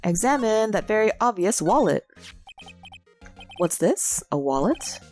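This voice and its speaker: A woman's voice: mid-range voice, big pitch swings, measured pace, darkish tone, faint music behind. A woman hosting a game playthrough, reading the dialogue aloud with casual asides. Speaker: let's play host.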